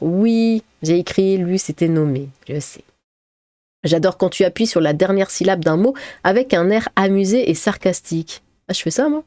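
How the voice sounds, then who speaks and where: Woman YouTuber, casual comment reading, hesitant with fillers, wry tone, warm dark voice, dry close sound. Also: mid-range voice, no room sound. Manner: hesitant, many fillers and restarts, amused sarcastic emphasis.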